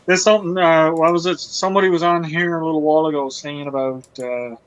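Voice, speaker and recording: A man's voice: fairly high pitch, steady tone, fast, clean tone, highs cut off. A man chatting casually. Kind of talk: casual chat.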